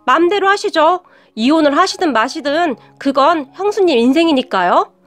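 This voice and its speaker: A woman's voice: high-pitched, expressive, a little fast. A woman voicing a husband who speaks curtly and firmly. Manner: curt, firm. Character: firm, blunt younger husband.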